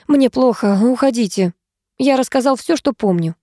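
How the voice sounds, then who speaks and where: A woman's voice: a little high, expressive, moderate pace, warm tone, dry recording, studio quality, pitched above the performer's own voice. A woman voicing a bedridden man who whines, pleads and dodges questions, in an audiobook reading. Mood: whining. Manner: whining, pleading. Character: whining bedridden man, evasive and complaining.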